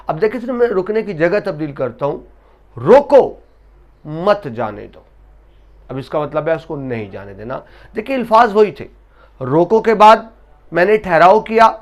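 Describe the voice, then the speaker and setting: A man teaching an Urdu grammar lesson to students, speaking slowly and emphatically, stretching key words and repeating terms so they stick. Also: a little high. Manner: addresses students directly, repeats terms for drilling. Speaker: Urdu lecturer. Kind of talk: classroom grammar lecture.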